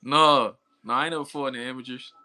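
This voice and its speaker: Speaking fast with a sharp edge, a man in his thirties chats with viewers during his boxing livestream. His mid-range voice keeps a fairly even intonation while he stays laid-back and slangy and breaks into frequent laughter.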